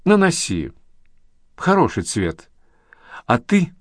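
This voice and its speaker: A man's voice: on the high side, huge pitch swings, takes it slowly, no echo, voice pushed up, exaggerated voice. Man doing icy regal woman, commanding, mocking, audiobook reading, dry close sound. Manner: imperious, coolly mocking. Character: cold, commanding royal woman.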